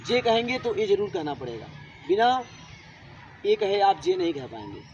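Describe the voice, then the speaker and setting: A man's voice: sits high, animated, normal speed, darkish tone, dull audio, a little hiss or hum. A man teaching a classroom grammar lesson, repeating points and asking his students questions. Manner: repetitive, asks students questions.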